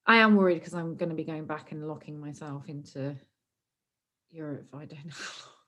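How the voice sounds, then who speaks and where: Husky low-voiced woman co-host chatting. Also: fairly quick, fairly bright tone. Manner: chatty, emotional, laughs often. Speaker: podcast co-host. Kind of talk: casual chat.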